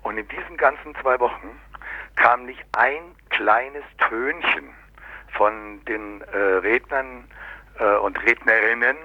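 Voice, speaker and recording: A man with a medium-pitched voice talks politics slowly and critically, speaking off the cuff in a sardonic, colloquial way. He often pauses to search for words and tacks on little question words, and the dry recording has the dull, lo-fi sound of local radio.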